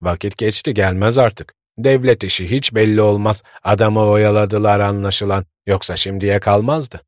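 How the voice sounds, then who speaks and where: A man voicing a gruff, fretful old grandfather. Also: lowish voice, steady tone, normal speed, no echo, clean studio sound, lightly acted. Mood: weary. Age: older. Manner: scolding, fretful.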